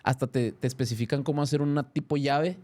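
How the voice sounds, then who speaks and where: At medium pitch and a quick pace, a Mexican-accented guest in his thirties tells a story during a casual interview. His delivery is animated, and he often backs up to restart or correct himself.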